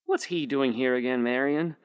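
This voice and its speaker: A man reading a story, voicing a squeaky-voiced young man who complains irritably. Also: moderate pace, smooth, no echo, close to an everyday voice. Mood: annoyed. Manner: complaining, accusing.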